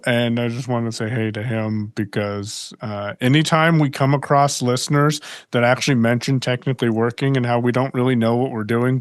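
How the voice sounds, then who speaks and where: A man's voice: medium pitch, no echo. A man chatting casually as a podcast co-host, rambling a little with fillers and restarts. His voice comes through robotic and metallic, as if squeezed through a tube by a glitchy connection, yet it stays dry and close. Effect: robotic, metallic-sounding voice over a glitchy connection.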